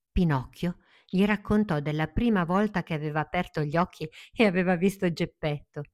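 A woman narrating a children's fairy tale in a slow, gentle storytelling manner. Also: deep voice.

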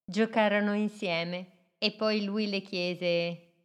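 A woman slowly reading a children's story aloud in a gently expressive way. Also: medium pitch, smooth.

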